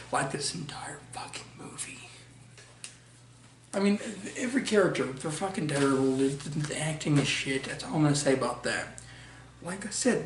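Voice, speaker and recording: A young man gives a blunt, profane movie review, circling back on his words as he goes. His voice sits a little high. He sounds set back from the mic in a roomy space with faint background noise. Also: fairly bright tone, recorded from a distance. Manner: blunt, profane, frequent restarts. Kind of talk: casual ranting movie review.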